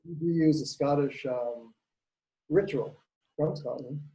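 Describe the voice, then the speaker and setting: A man from Costa Rica with a mellow, warm voice asks a question over a video call. He speaks earnestly and haltingly, searching for his words. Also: a little high, poor audio. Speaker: audience member asking a question.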